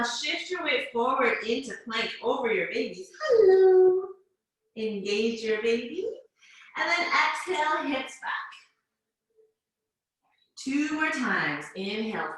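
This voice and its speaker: A Canadian woman leads a live virtual mom and baby workout from home, cueing her class in a chatty, encouraging way. She speaks on the high side with a bright, forceful tone, and the recording is very echoey.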